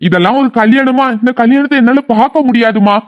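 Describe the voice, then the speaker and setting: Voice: medium pitch, fairly quick, lo-fi sound, lightly acted. A voice actor playing a remorseful middle-aged father in a cartoon drama, lamenting and blaming himself. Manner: lamenting, self-blaming, then angry.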